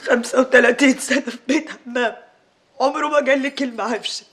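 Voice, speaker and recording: A hurt, reproachful elder. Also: female voice, high-pitched, steady tone, fast, a bit bright. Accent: Upper Egyptian. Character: hurt older woman of the household, proud.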